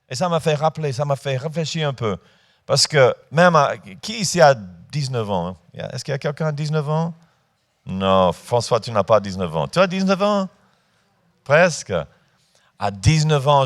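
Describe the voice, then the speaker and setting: Man preaching, casual and halting. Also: a little high. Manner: conversational, informal preaching with frequent hesitations; rises to emphatic, lifted delivery on key points. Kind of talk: sermon. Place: church.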